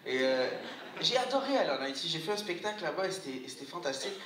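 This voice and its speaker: A man from Algeria performing a stand-up comedy set at a live gala, playful and slipping into quick parody voices. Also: on the high side, sing-song. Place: live gala hall with audience. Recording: roomy hall, distant mic, loud noise. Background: audience laughter and ambience.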